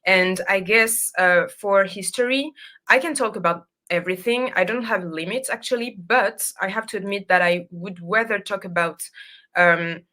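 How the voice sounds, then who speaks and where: A woman's voice: mid-range voice, normal speed, pushed and bright. A woman from France with a French accent, a native French speaker, a podcast guest who speaks hesitantly in English and searches for words. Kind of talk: interview.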